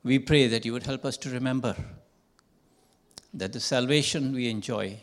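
An older man, a church elder, leading a solemn congregational prayer and repeating "Lord" often. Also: medium pitch. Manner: slow, solemn, measured praying with repeated "Lord".

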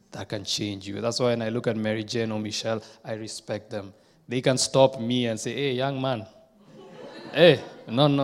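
A man from Kenya, leading a church service and speaking to the congregation with frequent hesitations. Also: on the low side. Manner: warm, halting, lots of "um" and restarts. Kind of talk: addressing a congregation. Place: church sanctuary. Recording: echoey church hall with congregation.

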